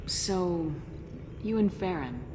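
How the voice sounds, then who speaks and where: A woman's voice: lowish voice, animated, slow, background noise. A woman playing a battle-worn, resolute space commander in a video game, with a dry, direct way of talking. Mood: wry, flirtatious. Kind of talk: cinematic video game dialogue. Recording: loud music behind the voice.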